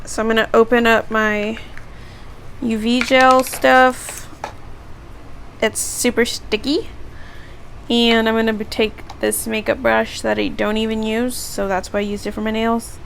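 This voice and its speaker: A woman's voice: on the high side, level tone, a little slow, gravelly, slight background noise. A teenage girl vlogger casually narrating each step of a beauty tutorial. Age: teens.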